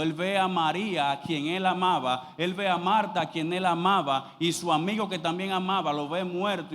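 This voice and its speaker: A man preaching a sermon as pastor, reading scripture aloud slowly and then explaining it with rising emphasis. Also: fairly high pitch, fairly bright tone, a little hiss or hum. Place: church sanctuary. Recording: long reverb of a church hall.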